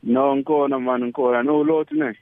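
A man with a South African Zulu accent, a native Zulu speaker, giving halting, repetitive personal testimony as a caller and switching between English and Zulu. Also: medium pitch, very animated, gravelly, no echo. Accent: South African Zulu-language. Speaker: caller to a religious radio show. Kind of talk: personal testimony, casual and conversational. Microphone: telephone. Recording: tinny phone line.

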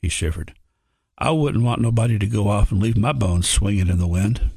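A man's voice: fairly low pitch, moderate pace, vocal fry, darkish tone, husky, no echo, clean studio sound. A man reading a frontier horror story aloud, voicing the prospectors' dialogue in a folksy drawl. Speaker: narrator.

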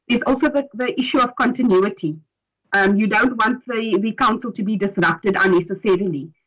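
A woman acting as legal advisor, explaining a point in a formal meeting in a measured way. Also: on the high side, fairly bright tone, low-quality recording.

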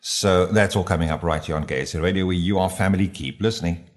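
Casting: South African male radio host, lowish voice, chatty interview style. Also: fairly even intonation, fast, very noisy.

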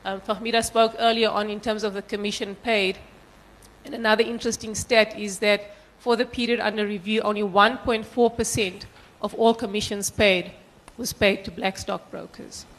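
A woman with a croaky, congested frog voice, presenting statistics to a panel audience in a measured, formal way. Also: mid-range voice, level tone, fairly bright tone, poor audio. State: croaky from post-nasal drip. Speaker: panelist from a brokerage.

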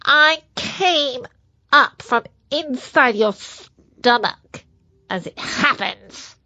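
A woman's voice: sits high, animated, extremely slow, sharp tone, voice pushed up, full character voice, low-quality recording. A woman voicing a mean, boastful little male virus who talks like a pirate. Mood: smug.

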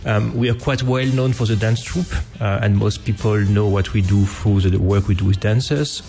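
A middle-aged man is being interviewed on the radio as a filmmaker. His voice is on the low side, and he picks his phrases hesitantly and thoughtfully, with good-humoured asides. Faint music sits behind his talk. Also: steady tone, moderate pace, creaky, dark tone. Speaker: filmmaker guest.

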